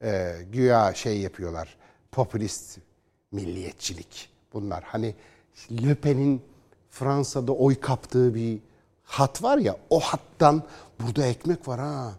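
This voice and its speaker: A man with a mid-range, slightly slow voice delivers opinionated solo political commentary, sarcastic and combative, mocking opponents with put-on quotes. When he reads news passages aloud, his tone goes flatter.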